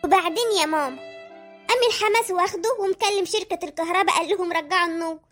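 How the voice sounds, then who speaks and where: A woman's voice: very high voice, very fast, fairly bright tone, faint music behind. A woman voicing a cheeky, boastful young boy in an Egyptian cartoon, with an Egyptian Arabic accent. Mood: eager telling. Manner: boastful, chatty. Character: cheeky clever young boy, mother's son.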